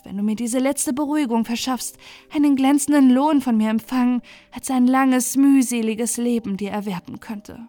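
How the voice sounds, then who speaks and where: A woman's voice: fairly high pitch, mellow, close to an everyday voice. A woman voicing a lovelorn, proud female river nymph in a fairy tale audiobook, speaking fervently and declaiming.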